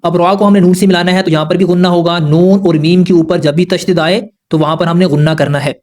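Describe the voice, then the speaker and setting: A man with a fairly high voice, teaching a lesson on recitation rules. He explains carefully and patiently, going over each rule again in plain words so beginners can keep up. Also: fairly even intonation, darkish tone. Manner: patient, explanatory, repeats rules slowly and simply.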